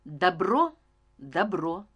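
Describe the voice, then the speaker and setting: A woman reading an audiobook, voicing a female ruler who speaks to a crowd in a soft, intimate, measured way. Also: on the low side, very animated, husky, heavily acted. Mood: solemn. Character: female ruler addressing crowd, calm, persuasive.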